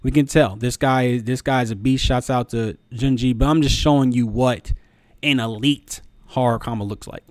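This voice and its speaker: A man in his thirties talks through a casual review. His voice sits at an average male pitch, and he stumbles over and repeats words. He is recorded close and dry, with very little echo. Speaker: video commentator. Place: small room at home. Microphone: close desk microphone, headphones on.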